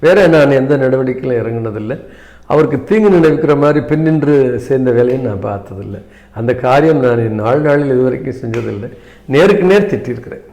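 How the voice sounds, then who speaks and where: A man's voice: mid-range voice, expressive, darkish tone. Hesitant man in his seventies. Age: 70s. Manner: measured, hesitant with many fillers; mixes in English phrases. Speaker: interview guest. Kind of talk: reflective interview talk.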